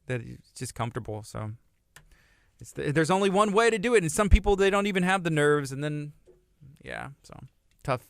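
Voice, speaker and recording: Host, thirties, Texan, relaxed and chatty, smooth mid voice. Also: female voice, low voice, moderate pace, dry recording, clean studio sound. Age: 30s. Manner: easygoing, chatty. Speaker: radio host. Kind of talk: casual radio chat.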